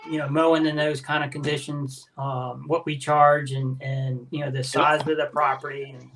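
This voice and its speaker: A man's voice: medium pitch, level tone, moderate pace, a bit bright, poor audio. A man from Maryland with a Baltimore accent, chatting casually in a group live chat. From Maryland, USA. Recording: faint background noise.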